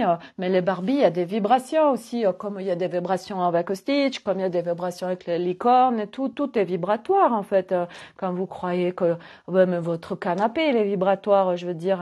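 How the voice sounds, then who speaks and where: A woman's voice: lowish voice, expressive, moderate pace, dark tone, muffled recording. A middle-aged woman with a southwest French accent from the Gers, a holistic coach talking in a casual spiritual monologue that rambles, full of hesitations and fillers. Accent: Gers, southwest France.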